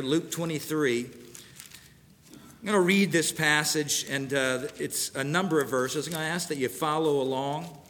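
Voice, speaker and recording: A fairly high-voiced man delivers an earnest sermon, stopping now and then to read scripture aloud. His voice rings with the long reverb of a church sanctuary. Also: a bit bright. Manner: earnest preaching, pausing to read verses aloud. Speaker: pastor.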